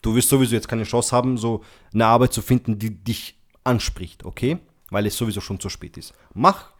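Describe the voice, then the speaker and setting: A man's voice: fairly low pitch, steady tone, a little fast. A man hosting a casual chat. He talks in loose slang, leans on "so" and "bro" in nearly every phrase, and acts out the other people's lines when he tells a story. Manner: tells stories acting out quoted dialogue. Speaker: podcast host.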